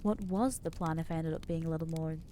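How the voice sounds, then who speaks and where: A woman speaks fast in a low, mellow, steady voice, sounding natural, as she plays an anxious, self-loathing young female vampire for an ASMR roleplay. Hesitant and self-critical, she tends to trail off, and a little hiss or hum sits in the recording.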